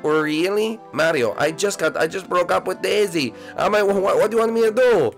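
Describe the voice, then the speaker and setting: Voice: mid-range voice, moderate pace, soft background music, close to an everyday voice. Luigi, voiced by a performer, mopey and flustered. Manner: flustered, disbelieving questions. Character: mopey, heartbroken young male plumber. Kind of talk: comedic puppet-style skit acting.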